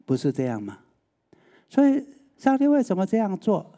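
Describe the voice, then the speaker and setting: Low-toned male preacher asking questions. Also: wildly swooping pitch, moderate pace, warm tone. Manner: questioning the listeners, rhetorical. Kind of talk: sermon.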